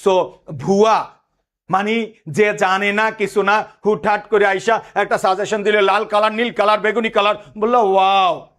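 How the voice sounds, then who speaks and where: A young man teaching an admission test lesson, animated, quizzing students and answering his own questions. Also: high voice, normal speed.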